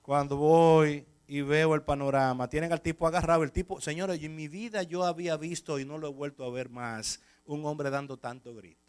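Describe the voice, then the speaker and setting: Dominican pastor man, high voice, chatty storytelling sermon. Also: normal speed, clear, resonant tone. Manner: lively, anecdotal, chatty with the congregation.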